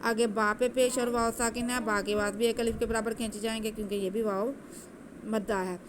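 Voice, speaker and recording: A woman teaching Quranic recitation, patiently explaining each letter and then chanting the words slowly. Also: fairly high pitch, level tone, background noise.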